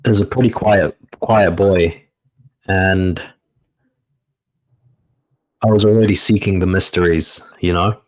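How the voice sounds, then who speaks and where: This is a New man who teaches meditation, talking in a deep, slow, measured voice. He answers unscripted questions reflectively, stopping often to gather his thoughts before he goes on. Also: steady tone, poor audio. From New Zealand.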